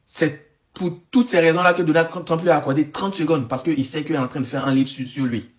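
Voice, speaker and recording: Animated man commentating, slightly high voice. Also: fairly quick. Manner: animated, stammering, repeats himself. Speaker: online commentator. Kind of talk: casual commentary video.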